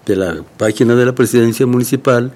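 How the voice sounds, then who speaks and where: A man's voice: mid-range voice, fairly quick, darkish tone. A man, hosting a casual radio chat and often chiming in with short agreements. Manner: brief agreeing interjections.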